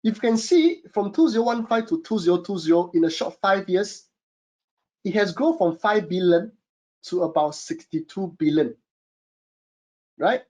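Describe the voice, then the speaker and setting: With a high, dark-toned voice, lively intonation, and a moderate pace broken by frequent pauses, this man presents a webinar from a home studio. He's a Singaporean e-commerce consultant with a Singaporean English accent who talks chattily, uses lots of fillers, and says "guys" to his audience.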